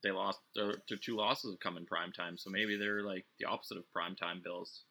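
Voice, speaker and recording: A man's voice: low-pitched, fairly even intonation, brisk, bright, forceful tone. A young man co-hosting a casual sports podcast, teasing his friends and asking loose questions. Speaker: podcast co-host.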